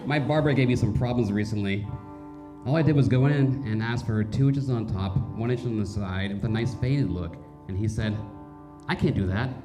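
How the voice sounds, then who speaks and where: A male stand-up comedian delivering dark, deadpan one-liners on a comedy stage before a live audience. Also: medium pitch, moderate pace, soft background music.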